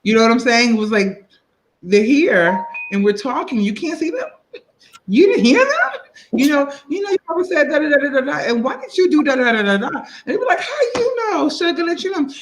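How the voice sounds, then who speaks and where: Woman, guest, casual conversation, animated storytelling, folksy expressive delivery. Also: high-pitched, brisk, slight background noise, low-quality recording. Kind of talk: casual chat, personal storytelling.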